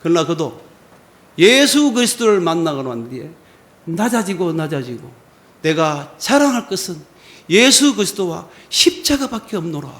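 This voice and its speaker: A man's voice: high-pitched, fairly bright tone. A man, a pastor, preaching a Friday prayer service sermon in a church and acting out the quoted lines of God and Moses. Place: church sanctuary.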